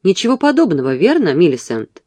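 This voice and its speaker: In an audiobook, a rough drunken gentleman, put on by the reader, bellows and curses at everyone around him. The voice is bullying and coarse, recorded dry and close. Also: mid-range voice, wildly swooping pitch, fairly quick, no echo. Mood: brutal.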